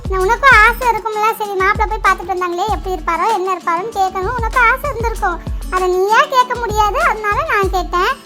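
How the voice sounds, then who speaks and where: A shrill, very high and bright cartoon voice of a chatty young village woman, played by a woman. She teases and bickers with her family, quick to scold. The tone is sharp and bright throughout. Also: soft background music. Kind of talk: animated cartoon dialogue.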